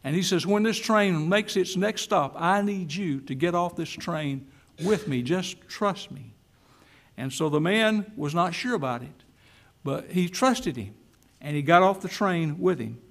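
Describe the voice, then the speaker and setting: A male pastor delivers a sermon in a church. His voice sits a little high and has a gravelly edge. He moves from storytelling into emphatic, repeated declarations. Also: lively intonation, a little slow. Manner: storytelling then emphatic preaching.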